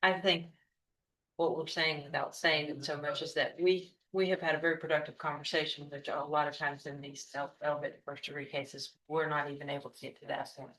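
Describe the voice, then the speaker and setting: A woman's voice: low voice, flat delivery, brisk, a bit bright, poor audio. A woman speaking as prosecutor in a courtroom, choosing her words carefully. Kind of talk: courtroom address.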